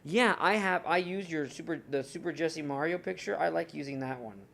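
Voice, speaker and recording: A man's voice: a little high, brisk, vocal fry, fairly bright tone. A young man streaming live, chatting casually and rambling to his viewers while he looks through his cards. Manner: rambling, chatty, talks to chat while browsing.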